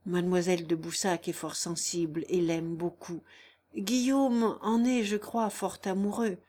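A grave male country doctor gives instructions with chilling calm, as a woman narrator puts him on. Her voice drops low for him and stays slow and measured, like a storybook reading. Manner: cool, matter-of-fact.

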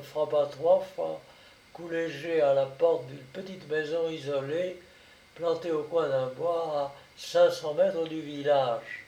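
A man narrating a classic short story aloud in a measured, expressive reading. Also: fairly high pitch, distant mic. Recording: echoey room, voice set back from mic.

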